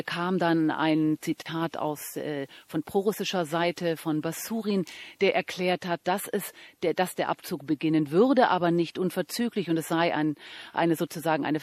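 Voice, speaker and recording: A woman reporting as a news correspondent, reading her report clearly and answering live with some hesitations. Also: on the low side, a little mellow, dry recording. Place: on location outdoors.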